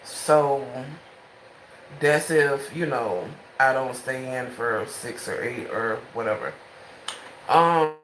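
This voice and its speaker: A woman's voice: extremely low pitch, slow, a little hiss or hum. Young woman, twenties, frank rambling vlogger at home, roomy phone sound. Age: 20s. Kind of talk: casual late-night vlog. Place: home bedroom at night. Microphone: phone held in hand.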